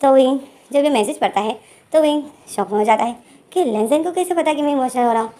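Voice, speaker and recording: A woman's voice: high voice, quick pace, dark tone. A woman casually retelling a romantic fan story, chatty and full of repeated fillers.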